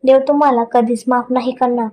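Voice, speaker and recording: Trapped young bride from a storybook, defiant and tearful, read by a woman, light high voice. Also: fairly even intonation, brisk, a little mellow, lightly acted. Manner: pleading, defiant.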